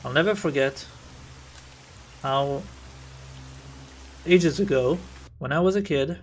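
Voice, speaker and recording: A man's voice: on the high side, slow pace, a little hiss or hum. A man from Israel, rambling through casual gameplay commentary as a streamer and thinking aloud.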